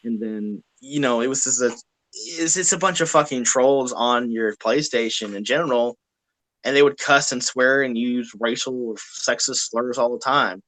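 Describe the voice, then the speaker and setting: Blunt, profane man with a bright voice. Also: mid-range voice, normal speed, no room sound, rough recording. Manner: profane, blunt, laughs often. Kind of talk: casual chat on a live stream.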